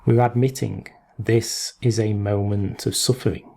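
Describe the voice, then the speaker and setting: Leading a meditation, a man speaks in a mellow, soft-edged voice with a gravelly creak. He offers gentle instructions very slowly, in short phrases separated by long pauses, at a fairly low pitch with fairly even intonation.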